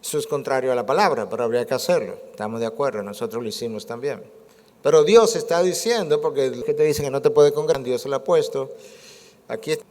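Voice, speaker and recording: Male pastor, 60s, sermon delivery, rhetorical and emphatic, mid pitch, reverberant church hall. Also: lively intonation, fast talker, darkish tone. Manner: rhetorical questions and repeated phrases, building emphasis. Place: church sanctuary.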